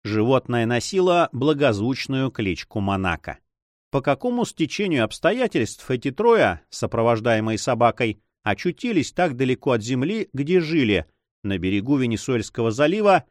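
A man reading an adventure novel aloud as narrator, in an expressive storytelling manner. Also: mid-range voice, no echo, clean studio sound. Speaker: audiobook narrator. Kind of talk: scripted narration.

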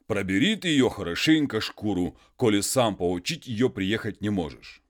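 A wheedling peasant pleads in folksy, drawn-out phrases, as a man puts him on for a story reading. The voice sits high and loud, with lots of lift and fall in each line. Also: animated, lightly acted. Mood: pleading.

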